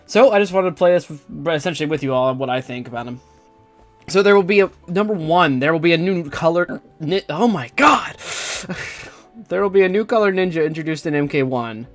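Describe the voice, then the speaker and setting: A man's voice: on the high side, animated, fast, soft background music. A young man giving casual gaming news commentary, rambling and hesitant with lots of fillers and restarts. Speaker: gaming YouTuber.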